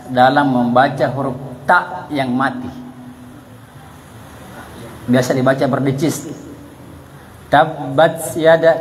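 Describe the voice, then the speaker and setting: A man with an Indonesian accent leads a Quran recitation lesson, explaining patiently and demonstrating each letter sound himself. His voice sits at an ordinary middle pitch. A faint hiss of background noise runs under the recording. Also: rough recording.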